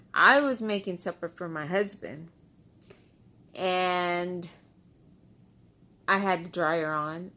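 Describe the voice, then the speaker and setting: A woman's voice: on the low side, bright, forceful tone. A woman chatting casually to followers in a frustrated, repetitive way, close to the mic, with the speech of someone wearing loose dentures without adhesive. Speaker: vlogger. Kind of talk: casual storytime chat to followers.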